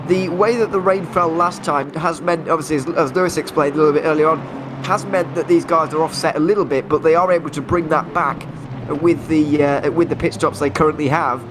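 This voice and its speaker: A man's voice: a little high, fairly even intonation, brisk, background noise. A man with an English Midlands accent giving live commentary on a racing event. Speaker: motorsport commentator.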